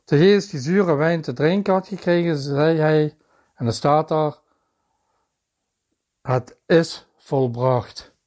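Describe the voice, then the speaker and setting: A man delivers a sermon, his voice sitting a little higher than most men's. He speaks earnestly, reads scripture aloud with its references, and now and then stumbles into a halting restart. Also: steady tone, darkish tone. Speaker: preacher.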